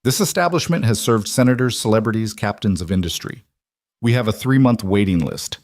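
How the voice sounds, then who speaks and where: A man voicing a snobbish, condescending male restaurant host in a pompous, drawn-out manner. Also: fairly low pitch, expressive, a little mellow, dry recording, close to an everyday voice. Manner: pompous, drawn-out sneering delivery.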